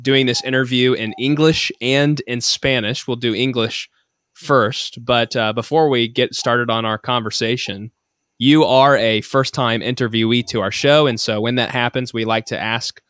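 A man hosting a podcast interview, speaking in a measured, polite way. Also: medium pitch, steady tone, a bit bright, no room sound, studio quality. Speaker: podcast host.

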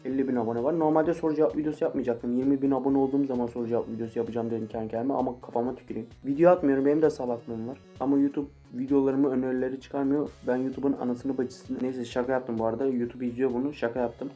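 A man's voice: medium pitch, level tone, rapid-fire, hardly any pauses, lo-fi sound. An eighteen-year-old man answering viewer questions in a casual vlog, joking and swearing with mock-angry outbursts. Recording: faint guitar music behind.

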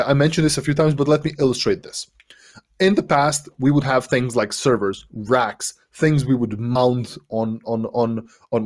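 A man in his thirties from Serbia, giving an energetic online workshop talk on a headset mic from a room at home, full of fillers and rhetorical "right?"s. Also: medium pitch. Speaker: developer advocate giving a workshop.

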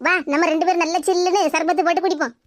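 A woman voicing a bold, sharp-tongued neighbor woman in a cartoon, chatty and outspoken, with a Tirunelveli Tamil accent. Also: very high voice, steady tone, rapid-fire. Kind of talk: cartoon voice acting.

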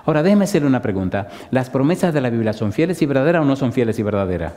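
A man, a pastor telling stories in a lively sermon and acting out the people in them. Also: mid-range voice, racing. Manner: lively storyteller who acts out the people in his stories. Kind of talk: storytelling sermon. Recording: long reverb of a large hall.

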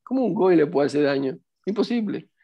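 A man's voice: on the high side, expressive, a little fast, creaky, breathy edge, highs cut off. A middle-aged man teaching as a rabbi in a religious lesson, emphatic and preacherly, full of rhetorical questions.

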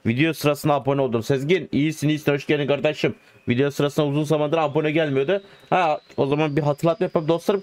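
A man with a slightly higher-pitched voice chats his way through a driving game. He jokes, talks to the game and calls out to his viewers in loose, casual commentary. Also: darkish tone, no room sound. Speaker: gaming streamer.

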